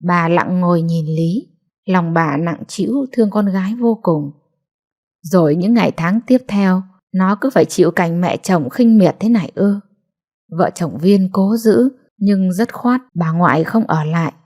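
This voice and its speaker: A woman narrating a family drama in a steady, measured storytelling voice. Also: lowish voice.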